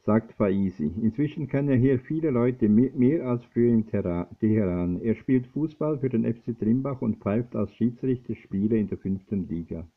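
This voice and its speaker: A man reads a newspaper feature aloud in a steady, plain voice at a middle pitch. He trips on words and restarts now and then. The sound is thin and phone-like. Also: moderate pace, hardly any pauses. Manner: steady reading with frequent slips and restarts. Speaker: reader of a news feature. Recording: tinny phone-like lo-fi recording.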